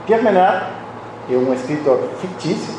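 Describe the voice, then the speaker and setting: A man's voice: sits high, expressive, normal speed. A middle-aged man from Argentina, a Spanish speaker giving a personal, reflective academic lecture at a university conference and often restarting his phrases. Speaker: conference speaker, philosophy professor. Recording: very echoey hall, voice from a distance, audible background noise.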